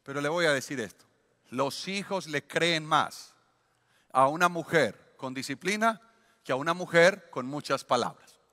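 Bright-voiced man preaching in a reverberant hall. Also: on the high side, measured pace. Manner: emphatic preaching, acting out parents and children. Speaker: pastor. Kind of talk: sermon.

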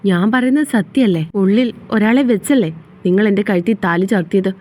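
A woman's voice: mid-range voice, a little fast, a little mellow, close to an everyday voice. A woman voicing a tearful, defiant young wife who speaks in an accusing, reproachful way in a storybook reading.

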